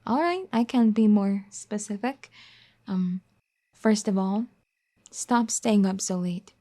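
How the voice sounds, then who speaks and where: Speaking softly and scolding gently, a woman voices a caring but firm young wife for an ASMR roleplay. She talks slowly at a medium pitch, in a voice close to how she'd speak every day.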